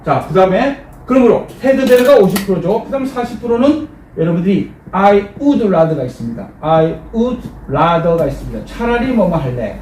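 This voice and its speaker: A man teaching an English lesson to a class, repeating phrases slowly and cueing the group to answer back. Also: sits high, big pitch swings, darkish tone. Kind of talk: classroom lecture with call-and-response drills. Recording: echoey room, distant mic, faint noise.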